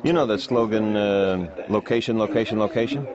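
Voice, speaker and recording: A man voicing a halting boastful ex-realtor. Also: fairly low pitch, muffled recording, a crowd in the background, close to an everyday voice. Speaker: therapy patient, former realtor.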